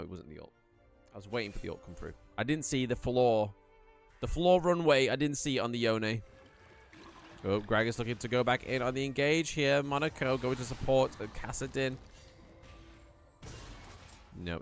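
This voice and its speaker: A man casting a live esports match in a chatty, rambling play-by-play style that rises in excitement during fights. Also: medium pitch. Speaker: esports caster. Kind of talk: live play-by-play game commentary.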